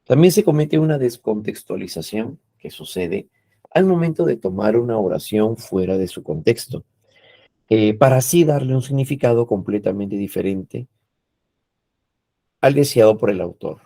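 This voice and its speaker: Man, teacher lecture, patient explaining, husky, dry sound. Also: on the low side, lively intonation, normal speed, warm tone, no echo. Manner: explains patiently with frequent "¿no?" and "eh" tags.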